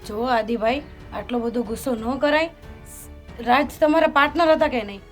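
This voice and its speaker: An actress playing a young sister-in-law who reasons in a gentle, pleading way. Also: female voice, a little high, normal speed, faint music behind, natural voice.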